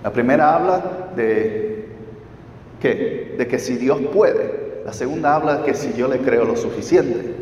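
Male Bible study teacher, methodical, checks in with the room with quick questions; recorded from a distance in a large echoing hall, a bit dull. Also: mid-range voice, a little mellow, slight background noise. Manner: explains step by step, asks listeners questions.

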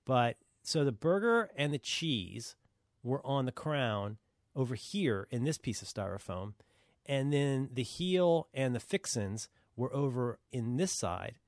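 Animated, laughing male storyteller. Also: medium pitch, unhurried, no echo, studio quality. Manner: animated storyteller, laughs often, swears freely. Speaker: podcast co-host. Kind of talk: casual chat.

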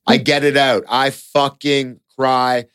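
A man's voice: medium pitch, little pitch movement, slow, fairly bright tone, clean tone, no room sound, clean studio sound. A young Canadian man hosting a casual podcast chat, emphatic, repeating points and swearing freely. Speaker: podcast host.

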